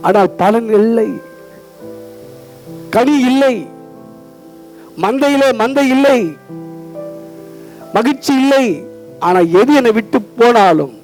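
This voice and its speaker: A man's voice: very high-pitched, a little mellow, rough recording. A man with a Tamil Nadu accent preaching a fervent sermon, calling out to his listeners and repeating lines back to them. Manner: fervent preaching, calls out to listeners, call-and-response. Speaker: pastor.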